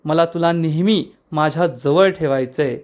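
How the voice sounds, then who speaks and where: A man's voice: on the high side, measured pace, a little mellow, close to an everyday voice. A man voicing a tender devoted young husband.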